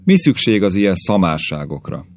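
In a story reading, a deep-voiced man plays a grumbling old caveman grandfather who rants and complains about young people. His performance is very animated, full of querulous ranting.

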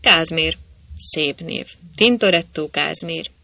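A man's voice: a little high, vocal fry, sharp tone, no room sound, heavily acted. A man voicing a huge, bug-eyed, absent-minded butcher who eagerly agrees with everything in a chatty manner.

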